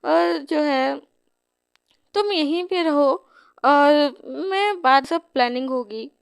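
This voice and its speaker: A woman's voice: high voice, takes it slowly, gravelly, no room sound, heavily acted. A woman voicing a young noble heroine from a romance comic, talking in a chatty, amused way that repeats itself. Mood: urgent.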